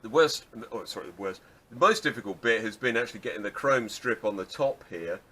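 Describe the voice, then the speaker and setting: Low-voiced man rambling in his workshop. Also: expressive, brisk, sharp tone. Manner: rambling, self-deprecating, restarts often. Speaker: car restorer. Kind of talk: casual workshop how-to vlog.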